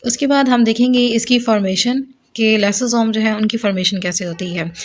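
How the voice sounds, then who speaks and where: A woman teaching biology at a whiteboard, her voice sitting a little high. She explains in a patient lecture style, posing questions and answering them herself. She mixes English science terms into her sentences. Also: fairly even intonation, normal speed, a little hiss or hum.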